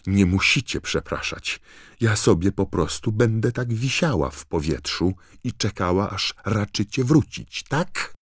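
A man voicing a huffy painted lady in a portrait who complains in slow, drawn-out sarcasm. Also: lowish voice, expressive, no room sound, clean studio sound, pitched above the performer's own voice. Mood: sarcastic.

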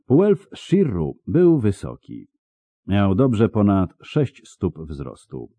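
A man's voice: on the low side, wildly swooping pitch, slow, dark tone, dry recording. A man narrating an audiobook with vivid, dramatic storytelling. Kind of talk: scripted narration.

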